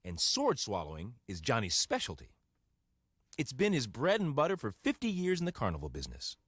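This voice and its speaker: A man's voice: mid-range voice, huge pitch swings, brisk, a bit bright, breathy edge, no echo. A man hosting and narrating a TV show in a scripted, playful, wry way. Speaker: host.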